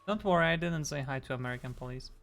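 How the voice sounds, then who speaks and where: A man's voice: fairly high pitch, racing, vocal fry, fairly bright tone, soft background music. A non-native English-speaking man streaming a game, chatting casually and yelping when something attacks him. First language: not English. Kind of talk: casual live-stream chat while gaming.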